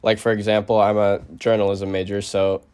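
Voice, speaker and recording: A man's voice: fairly low pitch, monotone, brisk, clean tone. A man in his twenties hosting a campus interview show and asking his guest questions in an easygoing, plain-spoken way. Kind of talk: casual interview. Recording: loud music behind the voice.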